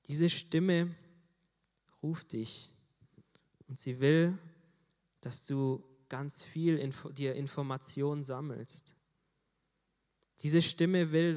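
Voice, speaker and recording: A man preaching a sermon in an earnest way, rising in force on key phrases. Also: fairly high pitch. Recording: long hall reverb.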